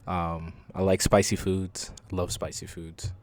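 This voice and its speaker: A man's voice: low-pitched, little pitch movement, slow. A man, introducing himself casually in a laid-back, rambling way. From Queens, New York. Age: early 20s. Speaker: podcast host.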